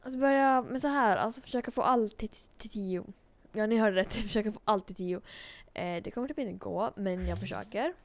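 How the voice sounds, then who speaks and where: A woman's voice: medium pitch, hardly any pauses, slight background noise. A woman giving casual, chatty gameplay commentary, giggling and coaxing the character she controls. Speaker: let's play host.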